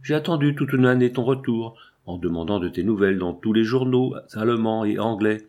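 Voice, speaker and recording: A torn, easygoing husband in a storybook, gentle and hesitant, pleading in his low voice, as the narrator reads him. He sounds soft rather than forceful. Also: a little fast, close to an everyday voice.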